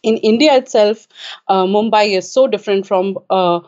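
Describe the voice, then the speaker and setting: Being interviewed casually at her Richmond home, a Kuwaiti author and guest speaks hesitantly, filling pauses with frequent filler sounds. Her voice is mid-range and a little mellow at a moderate pace, in a muffled recording.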